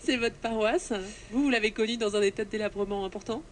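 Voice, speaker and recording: High-voiced woman, live TV field reporter, chatty and playful, echoing interior with background noise. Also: steady tone, quick pace. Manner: chatty, jokey, addressing viewers. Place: inside a large church under renovation. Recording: noisy echoing church interior, construction din.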